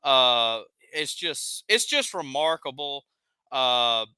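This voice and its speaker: A man's voice: medium pitch, expressive, slow pace, sharp tone, clean tone, dry recording. A man with a Southern accent hosting a live stream, ranting heatedly and reading chat comments aloud. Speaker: live show host.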